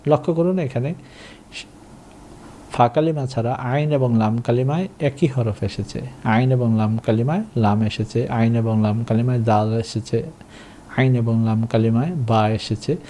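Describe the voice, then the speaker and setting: A man teaching Arabic in a recorded lesson, slowly drilling and repeating words for learners to copy. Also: medium pitch, fairly even intonation, dark tone, slight background noise. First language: Bengali.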